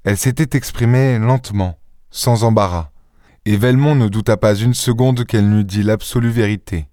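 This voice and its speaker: A man narrating a classic story with measured, expressive delivery. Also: fairly low pitch, no echo, studio quality. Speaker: audiobook narrator. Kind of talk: scripted literary narration.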